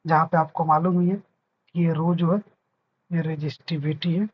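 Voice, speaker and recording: A man's voice: a little high, level tone, normal speed, slightly rough, highs cut off. A man teaching a physics lesson, patiently repeating points and checking that his students understand. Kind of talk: explaining a lesson.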